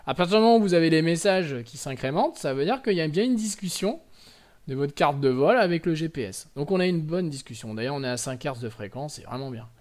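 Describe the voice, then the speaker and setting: A man's voice: on the high side, lively intonation, fast talker, darkish tone. Chatty French man explaining drone settings. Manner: chatty, many fillers and self-corrections. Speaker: drone tutorial host. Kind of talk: casual screen-recorded tutorial. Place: indoors at home.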